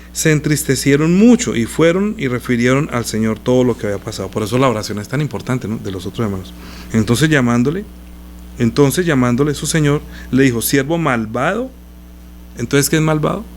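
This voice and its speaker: A man's voice: medium pitch, normal speed, a little mellow, a little hiss or hum. A male pastor preaching a sermon, reading scripture aloud and stopping to explain it with rhetorical questions.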